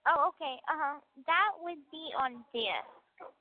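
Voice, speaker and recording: A woman talking casually over a prison phone line, relaxed and answering briefly with soft agreeing sounds. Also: high-pitched, a little slow. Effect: speaking over a prison phone line. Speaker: inmate on a phone call. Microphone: telephone handset.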